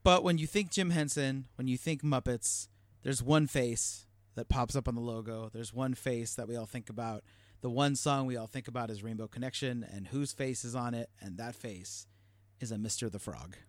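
A man's voice: medium pitch, moderate pace, no room sound. A man co-hosting a podcast in casual chat, talking with enthusiasm and laughing along. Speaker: podcast co-host.

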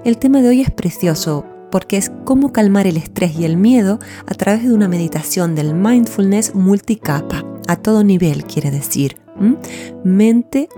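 A woman hosting a podcast and leading a guided mindfulness meditation in a soothing, gentle, unhurried way. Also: medium pitch. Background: soft new-age music.

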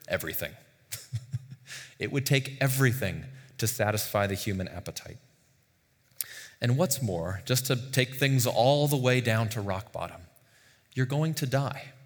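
A man's voice: mid-range voice, big-room sound. A middle-aged man, a pastor, preaching a sermon in earnest tones, asking the congregation rhetorical questions. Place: church sanctuary.

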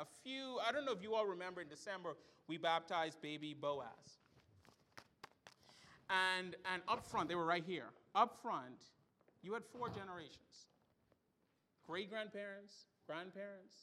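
A middle-aged Bahamian pastor preaches a sermon to his congregation in the church sanctuary, firing off emphatic rhetorical questions. His voice sits high and sounds bright and forceful.

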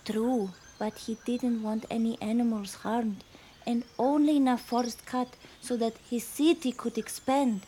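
A woman plays a reasonable animal friend in a jungle adventure story. Her voice is high and earnestly persuasive, with faint birds and animals behind it. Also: steady tone, unhurried, dark tone, a little hiss or hum, natural voice. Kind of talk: children's audio story acting.

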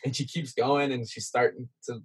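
A man's voice: medium pitch, level tone, moderate pace, slightly rough. A man casually telling an adventure story as a guest, chatty and self-deprecating, with plenty of fillers. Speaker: guest content creator.

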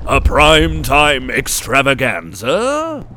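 A man voicing a towering, ancient sun-like elder who smiles and manipulates, speaking in a croaking voice with grand, drawn-out pronouncements. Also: mid-range voice, wildly swooping pitch, sharp tone, a little hiss or hum, pitched above the performer's own voice, heavily acted. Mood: beckoning.

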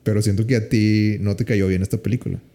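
A man in relaxed casual conversation, calmly asking questions and debating. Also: fairly low pitch, quick pace. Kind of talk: casual chat.

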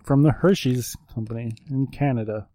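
A man's voice: mid-range voice, moderate pace, dark tone, no room sound. A man co-hosting a casual snack-review podcast, joking and laughing often. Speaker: podcast co-host.

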